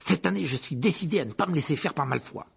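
A man's voice: medium pitch, sing-song, a little slow, vocal fry, a little mellow, slightly rough, full character voice. A man reading an audiobook, voicing a hot-tempered teenage boy who blusters angrily. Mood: angry. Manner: angry, blustering. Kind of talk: audiobook narration.

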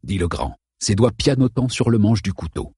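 A man reading a novel aloud as an audiobook narrator, in a steady, measured way. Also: lowish voice, husky, dry recording, studio quality.

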